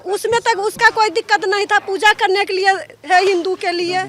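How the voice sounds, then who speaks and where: A local woman in a street interview, talking in a halting, rambling way in a rustic dialect. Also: very high-pitched, fairly even intonation, a crowd in the background. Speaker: local resident.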